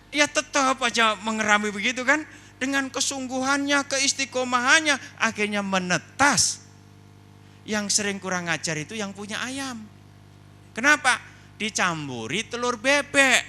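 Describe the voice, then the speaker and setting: A man giving a lively, humorous seminar talk indoors, telling stories and putting questions to the audience. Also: sits high. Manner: animated storyteller, asks the audience questions. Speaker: seminar speaker.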